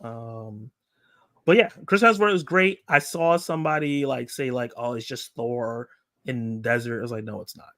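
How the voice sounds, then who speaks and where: A man from Jamaica hosting a casual live stream, animated and laughing often as he reads the chat. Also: mid-range voice, normal speed. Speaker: livestream host.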